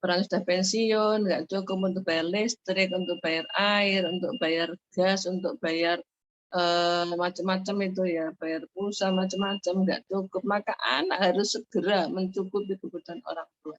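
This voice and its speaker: Lady giving an online sermon, lowish voice, muffled lo-fi sound. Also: steady tone, normal speed, no echo. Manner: explanatory, repeats and rephrases points, frequent fillers. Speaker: religious teacher. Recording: dull muffled lo-fi audio.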